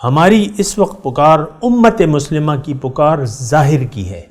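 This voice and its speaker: A middle-aged man giving a Quran lesson as a sermon, speaking straight to his listeners, repeating key words for emphasis and reciting verses slowly. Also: a little high, expressive. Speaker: Quran teacher.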